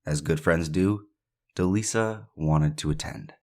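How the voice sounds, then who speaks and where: A man's voice: very deep voice, a little slow. A man hosting a true crime podcast, narrating a case with opinionated, casual asides between the facts he reads.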